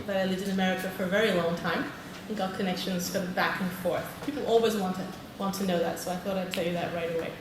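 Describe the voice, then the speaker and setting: A British woman, a teacher trainer, gives a friendly conference presentation in a large hall, polling the audience and saying "okay" often. Her voice sits on the low side with fairly even intonation, and she talks quickly with few pauses. The recording is noisy and echoey, picked up by a distant mic.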